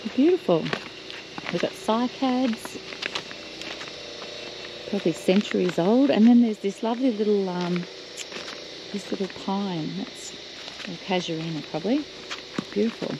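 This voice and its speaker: A woman's voice: medium pitch, a little slow, long pauses. Aussie woman chatting away on a road trip vlog, laughs a lot, noisy outdoor recording with car sounds behind. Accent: Australian. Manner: chatty, laughs often, points out sights. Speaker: travel vlogger. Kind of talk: casual chat while touring. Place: outdoors, driving the beach and walking bush tracks. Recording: outdoor video with noticeable background noise.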